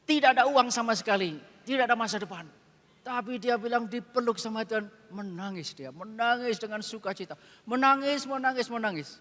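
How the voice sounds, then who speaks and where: A male pastor with a high-pitched voice delivers a dramatic storytelling sermon. He repeats words for emphasis and often falls to a hushed tone. His voice rings with a long reverb through a large hall. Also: a little fast. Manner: dramatic retelling, often dropping to a hushed low voice; heavy repetition for emphasis.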